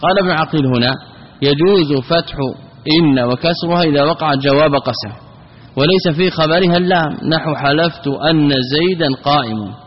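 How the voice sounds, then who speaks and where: A man's voice: on the high side, fairly quick, husky. A man teaching a classical grammar lesson, explaining step by step and often asking a question, then answering it himself. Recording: dull, lo-fi, with long reverb.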